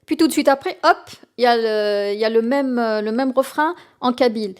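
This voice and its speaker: A woman's voice: fairly high pitch, brisk, smooth. Hesitant woman author. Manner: hesitant, many fillers and restarts; mixes in Algerian Arabic phrases. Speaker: guest author. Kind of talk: radio interview.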